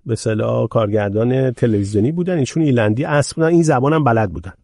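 A man hosting a podcast, reading out listener questions and adding lively asides of his own. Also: a little high, no echo, clean studio sound. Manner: curious, reads out listener questions, animated asides. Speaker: podcast host. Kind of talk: podcast conversation.

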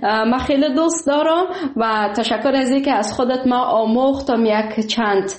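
A woman radio host with a Kabuli Dari accent, welcoming callers warmly and laughing often. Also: fairly high pitch, roomy sound. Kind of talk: phone-in radio chat. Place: radio studio.

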